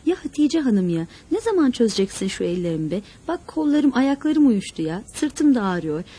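A woman reading the part of a defiant young woman tied to a chair, pleading and then shouting in rage. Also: fairly high pitch, big pitch swings, brisk, husky.

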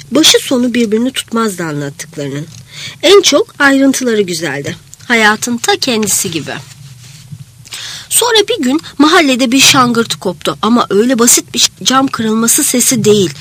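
A woman's voice: on the high side, slightly rough. A woman narrating a literary first-person story in a reflective way, sometimes dropping to a whisper.

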